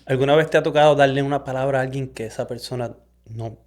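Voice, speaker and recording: Quick-talking host on a faith podcast. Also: male voice, medium pitch, steady tone, darkish tone. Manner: mixes English words into his Spanish; reflective, talks about his own habits.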